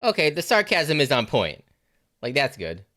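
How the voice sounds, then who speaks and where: Animated man reacting to a show. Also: fairly high pitch, moderate pace. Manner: animated, swearing, lots of "like" and "you know". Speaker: reaction video host. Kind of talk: casual reaction commentary.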